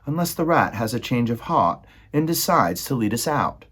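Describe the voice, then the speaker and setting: A man voicing a gentle, kind young princess who speaks softly. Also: medium pitch, sing-song, moderate pace, slightly rough. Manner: soft, gentle speech.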